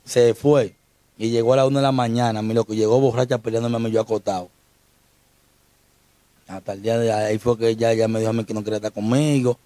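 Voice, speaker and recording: A man's voice: mid-range voice, fairly even intonation, fast talker, warm tone, dry recording. A young Dominican man, an interview guest, telling an emotional personal story in slangy street talk. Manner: slangy, repeats street address terms.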